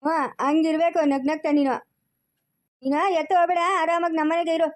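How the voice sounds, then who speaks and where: A woman's voice: extremely high pitch, steady tone, brisk. A woman playing a playful grown son who teases and cheers others up, in a home-made family skit. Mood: cheering. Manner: teasing, cheerful.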